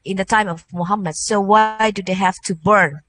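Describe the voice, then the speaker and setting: A woman hosting a discussion, briskly putting pointed questions to guests and summing up their answers. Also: mid-range voice, fairly even intonation, a bit bright, dry recording. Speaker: host and interpreter. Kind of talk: moderating a discussion.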